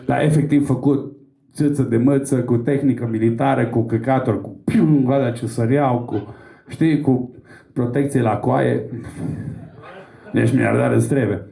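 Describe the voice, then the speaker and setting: A man's voice: mid-range voice, steady tone, creaky, dark tone, reverberant. A man from Romania doing a stand-up set, telling crude, rambling and profane stories on a comedy club stage.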